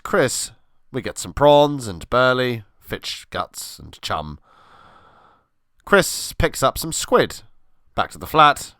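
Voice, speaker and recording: A middle-aged man reading his own humorous memoir in a wry, deadpan storytelling way. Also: mid-range voice, no room sound, clean studio sound. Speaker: memoir narrator.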